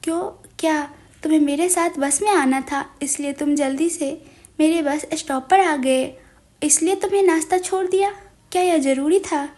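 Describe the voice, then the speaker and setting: A woman's voice: high voice, normal speed, a little mellow, natural voice. A woman storyteller voicing a shy, polite young college girl who complains under her breath. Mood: annoyed.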